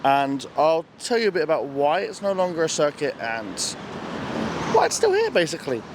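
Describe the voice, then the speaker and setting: A young British man casually narrates a travel vlog outdoors in a city and at a racetrack, chatty, enthusiastic and slangy, filmed on a handheld camera with street noise behind him. His voice is fairly high, with wildly swooping pitch and a moderate pace.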